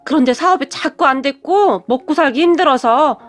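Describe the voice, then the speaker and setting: A woman voicing a pleading, destitute middle-aged birth mother who speaks slowly and begs. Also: high-pitched, animated, soft background music. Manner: pleading, slow and drawn out.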